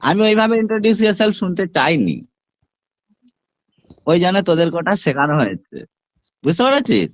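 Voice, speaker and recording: High-voiced man teaching an online class. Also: sing-song, no echo, dull audio. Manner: questioning, switches between Bengali and slow deliberate English. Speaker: English teacher.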